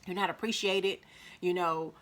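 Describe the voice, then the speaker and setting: Woman, Mississippi accent, bright tense voice, chatty advice vlog, acts out quoted voices. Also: lowish voice, fairly even intonation, a little slow. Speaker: vlogger giving life advice. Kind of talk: casual motivational talk to camera.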